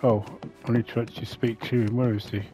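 A man's voice: mid-range voice, little pitch movement, fast talker. A man giving casual let's-play commentary, thinking aloud and muttering to himself as he plays. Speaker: gameplay commentator. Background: faint game music.

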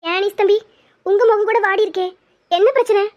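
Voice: very high voice, steady tone, normal speed. A performer voicing an anxious middle-aged mother who keeps asking worried questions about her daughter. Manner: pleading, fussing questions. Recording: dull lo-fi sound.

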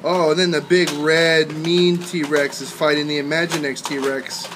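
A male voice excitedly narrating a toy dinosaur battle outdoors, recorded on a noisy home video. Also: a little high, a little slow. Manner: excited, dramatic storytelling with mock roars. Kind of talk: playful play-by-play narration.

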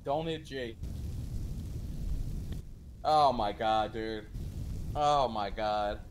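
A man's voice: lowish voice, extremely slow, a little hiss or hum. A man on in-character game voice chat, directing his crew and often repeating himself.

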